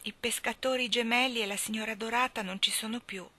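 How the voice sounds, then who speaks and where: A woman voices a quiet, sad little boy from a storybook. He speaks slowly and subdued, in a bright tone. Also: a little high, steady tone, pitched above the performer's own voice.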